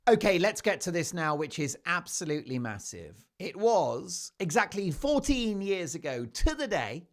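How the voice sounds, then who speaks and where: A man's voice: high voice, normal speed. A man hosting a talk show, delivering emphatic, opinionated commentary with playful mocking asides. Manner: emphatic, animated, keeps asking "right?". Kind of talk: opinionated news commentary monologue.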